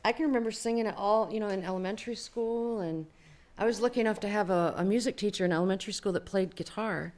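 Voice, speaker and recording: A woman's voice: medium pitch, fast, a little mellow, a little hiss or hum. A woman musician talking casually to a live audience from a stage, chatty and explanatory, with many filler phrases. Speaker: singer and musician hosting a live show. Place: barn music venue before a live audience.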